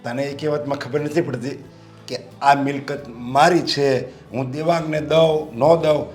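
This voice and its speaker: A man playing a stern older father with a hoarse voice who scolds his son and insists the property is his to give. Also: mid-range voice, steady tone, a little slow, darkish tone, soft background music, natural voice. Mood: scolding. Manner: authoritative, scolding. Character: firm, proud elderly father, owner of the property. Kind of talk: Gujarati short film acting.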